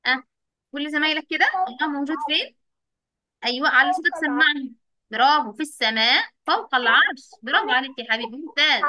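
A woman's voice: sits high, quick pace, pushed and bright, no room sound. A young woman teacher with an Egyptian accent, coaxing small children on a video call, repeating questions and praising each answer. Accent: Egyptian Arabic. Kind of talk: online class for young children.

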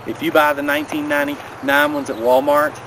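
A man in his thirties talks through hiking gear in a friendly, practical way, standing by a river in a mountain valley. The camera sits a few steps off, and clear outdoor noise runs behind his voice. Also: very high voice, very animated, brisk. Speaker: vlogger. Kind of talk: casual outdoor gear rundown. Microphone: camera a few steps away.

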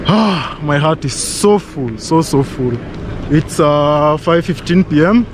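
A man's voice: on the high side, animated, slow pace, background noise. A man hosting a casual travel vlog. He talks chattily with fillers, filmed at arm's length while outdoors on a river boat. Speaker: travel vlogger host. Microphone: selfie camera at arm's length.

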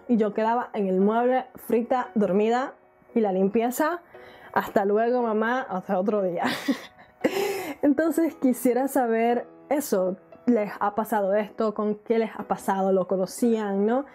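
A married woman vlogging on YouTube talks casually to camera at a normal speed, full of questions and the odd laugh. Her voice is mellow and fairly high-pitched.

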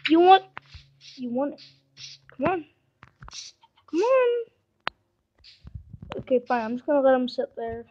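Chatty high-voiced woman gaming. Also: fairly quick, long pauses, dull audio. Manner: chatty, rambling, talks to game animals. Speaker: gameplay vlogger. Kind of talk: casual gameplay commentary. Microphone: phone mic. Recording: noisy phone recording.

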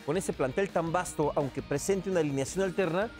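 A man's voice: fairly high pitch, a little fast, darkish tone, faint music behind. A Mexican man co-hosting a sports show with casual, joking studio banter.

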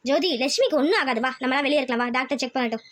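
A woman's voice: sits high, expressive, racing, a bit bright, faint music behind, voice pushed down. A woman voicing a middle-aged village aunt who soothes a crying girl in a cartoon. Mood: soothing. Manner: soothing, reassuring. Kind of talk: cartoon voice acting.

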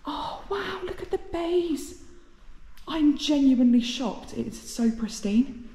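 A woman's voice: sits high, takes it slowly. Nervous woman, whispering, echoey hallways, noisy background. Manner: nervous, often whispering, excitable. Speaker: urban explorer vlogger. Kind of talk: hushed exploring vlog. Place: large abandoned hospital, indoors. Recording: echoey halls with background noise.

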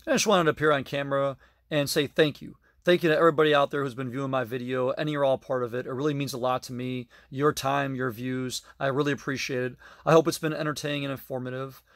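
A man in his thirties walks through his toy collection in a basement full of toys, giving a chatty, detailed tour on a phone camera held at arm's length. His mid-range voice is fairly bright with fairly even intonation and a quick pace, and the sound is dry and clean, studio-like.

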